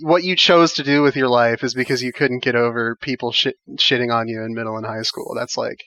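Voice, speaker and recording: A man's voice: mid-range voice, fairly even intonation, a little fast, sharp tone. A man co-hosting a movie podcast, talking bluntly and swearing a lot in rambling casual chat. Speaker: podcast co-host. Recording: dull lo-fi sound.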